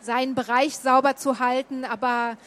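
A woman from Berlin, Germany, a guest recounting her stay in Japan, chats casually while showing slides, using lots of fillers and restarts. Her voice is high-pitched and a bit bright, with a steady tone at normal speed.

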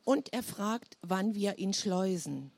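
Calm male smuggler explaining patiently, read by a woman, husky, slow. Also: medium pitch, no room sound, heavily acted. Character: calm older man, smuggler who explains things.

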